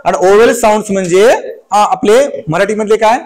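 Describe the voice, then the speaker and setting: A man's voice: high voice, steady tone, a little fast, crowd noise. A male teacher, taking a class through a lesson, asking questions and chanting letters aloud. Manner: call-and-response questioning of pupils.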